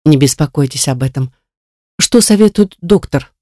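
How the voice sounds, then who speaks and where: A kind, generous woman offers calm, steady reassurance, voiced by an audiobook reader. Her tone is mellow and low in brightness. The recording is dry and close. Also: moderate pace, no echo, lightly acted. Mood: reassuring. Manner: soothing, reassuring. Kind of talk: audiobook character reading.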